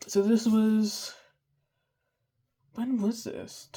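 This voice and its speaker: This art vlogger in their twenties has a mellow, stuffy mid-range voice, a level tone, and drawn-out words. Chatting loosely through a sketchbook tour, they swear freely, mock themselves, and lose their place mid-sentence.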